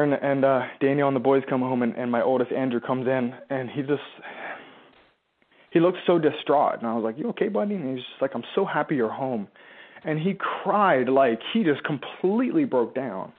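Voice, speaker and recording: A man's voice: mid-range voice, expressive, normal speed. A man giving an emphatic, conversational motivational talk as a business coach, firing rhetorical questions at his listeners and mimicking their objections. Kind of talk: motivational live talk to followers. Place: a room at home, seated in a chair. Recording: tinny phone-like line.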